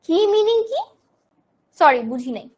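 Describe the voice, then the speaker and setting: A woman's voice: very high-pitched, very animated, measured pace, darkish tone. A young woman from Bangladesh teaching English grammar in a live online class, explaining terms and answering student comments as she goes.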